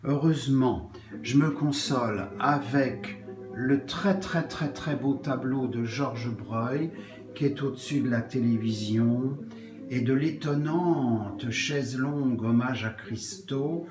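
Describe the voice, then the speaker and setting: A man's voice: mid-range voice, slow, reverberant, over music. A man narrating his video diary at home in a wistful, self-mocking way. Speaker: vlogger.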